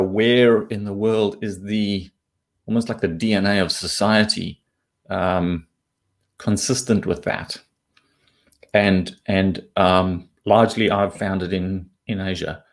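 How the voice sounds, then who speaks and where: A man from southern Africa, appearing as an interview guest and investment commentator, lays out his opinions bluntly and informally, swearing casually. His voice is lowish with fairly even intonation and a slow pace.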